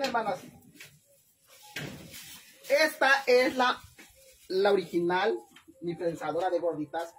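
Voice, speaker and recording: A man's voice: high-pitched, a little hiss or hum. A man with a Mexican accent chatting casually while he cooks on camera, playful and campy, and he laughs often. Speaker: vlogger cooking on camera. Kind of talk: casual live cooking chat.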